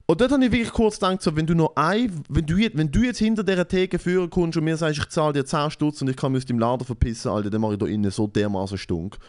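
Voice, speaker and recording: A man's voice: on the high side, darkish tone. A young man with a Swiss German accent in casual chat, telling a story with lots of swearing and acting out what others said.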